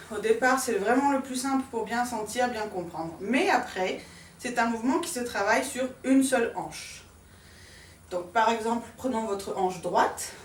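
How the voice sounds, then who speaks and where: A woman with a fairly high voice teaches a dance class, explaining each move calmly while she demonstrates it. She is picked up from a distance in a roomy, echoing studio. A faint hum of room ambience sits behind her. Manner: calm, demonstrating moves while counting out accents with "pam" and "tac". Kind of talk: step-by-step dance lesson. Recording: echoey room from far off.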